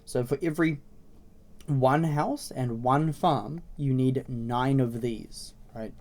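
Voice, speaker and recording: A man hosts a casual game tutorial in a mellow, slightly raspy voice. He has a cold and sounds a bit congested. His delivery is informal and explanatory, with frequent little check-ins to the viewer. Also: mid-range voice, takes it slowly. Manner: informal, explanatory, often checking in with "okay?" and "right?". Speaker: video host introducing a browser game series.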